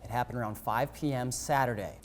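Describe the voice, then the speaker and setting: A young man reporting the news for local television, in a crisp, upbeat broadcast delivery. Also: medium pitch, a little fast. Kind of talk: news reporting and live stand-ups.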